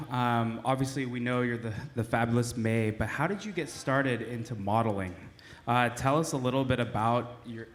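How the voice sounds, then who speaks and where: A man's voice: medium pitch, slight background noise. A man on stage asking the guest an enthusiastic, rambling, multi-part question. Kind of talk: onstage interview.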